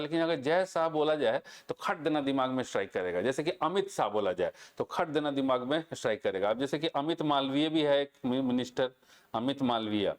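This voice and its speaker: A young Indian man teaching biology in an online lecture. He reads English lines slowly, explains them in Hindi, and keeps checking that students follow. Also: medium pitch. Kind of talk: online exam-prep lecture.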